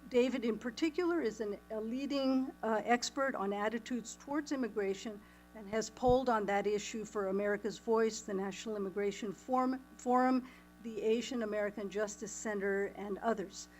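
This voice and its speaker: A woman's voice: a little high, moderate pace, darkish tone, soft background music. A woman moderating a panel, introducing the speakers from their bios with small fillers and restarts.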